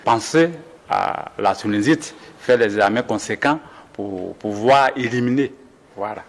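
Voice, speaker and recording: Recorded in a large hall, a man whose voice sits on the low side and sounds creaky explains symptoms in an interview. He's a doctor, patient and measured, frequently restarting sentences and correcting himself.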